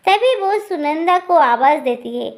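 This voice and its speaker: A woman storyteller narrating a moral tale. Her voice is high and her delivery unhurried and plain. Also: expressive.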